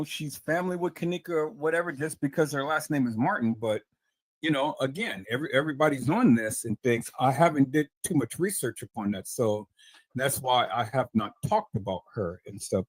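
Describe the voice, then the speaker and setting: A man's voice: medium pitch, no room sound. A man hosting a casual livestream, rambling and repeating himself as he talks straight to his viewers. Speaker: livestream host.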